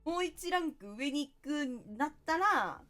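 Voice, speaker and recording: High, lively woman streamer. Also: moderate pace, soft background music. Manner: chatty, thanks viewers by name. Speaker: game streamer. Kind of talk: casual stream chat with viewers.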